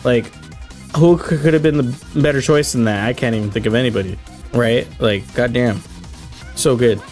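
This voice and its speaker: A man's voice: medium pitch, normal speed, darkish tone. A man hosts a casual chat in a mid-range voice. He talks in short, emphatic, slangy bursts. Music runs behind his speech. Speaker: host reading questions.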